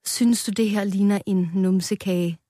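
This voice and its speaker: A woman's voice: medium pitch, steady tone, warm tone, no room sound, studio quality, lightly acted. A woman voicing the oldest strawberry on a cake, a kindly old figure who calls others "my friend". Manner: slow, fatherly "my friend". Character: old wise male strawberry, kindly and curious.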